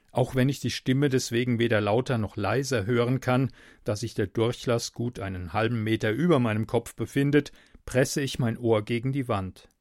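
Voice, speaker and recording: A man reading a first-person audiobook, slow and expressive, with dialogue voiced in a lively way. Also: medium pitch, no echo, clean studio sound. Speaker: audiobook narrator.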